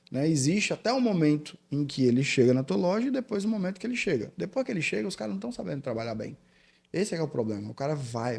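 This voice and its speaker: Brief: Brazilian male guest, raised gravelly voice, mellow and casual. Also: a little high. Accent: Brazilian Portuguese. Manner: relaxed, explanatory, addresses listener as "cara". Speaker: guest, sales director. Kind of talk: casual conversation.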